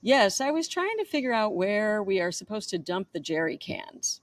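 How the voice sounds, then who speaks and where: A woman's voice: mid-range voice, very animated, moderate pace, natural voice. A woman reading aloud the lines of a pushy man calling on a boat radio, her quoting voice slightly raised. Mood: insistent.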